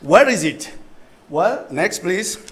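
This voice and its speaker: A man's voice: high voice, sing-song, takes it slowly, a bit bright, poor audio. A middle-aged man from Cameroon giving an academic conference talk, thinking aloud with frequent restarts and asking for the next slide. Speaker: symposium presenter.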